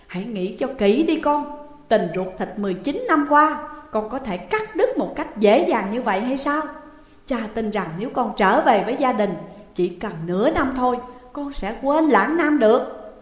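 A gentle, earnest middle-aged father reasons softly, as a woman narrator voices him. The recording rings with a long, echoey reverb. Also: fairly high pitch, lively intonation, moderate pace, close to an everyday voice. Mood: persuading.

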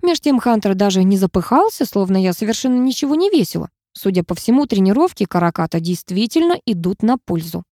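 A woman narrating a first-person fantasy audiobook with lively, expressive storytelling. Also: medium pitch, brisk, hardly any pauses, dry recording, clean studio sound.

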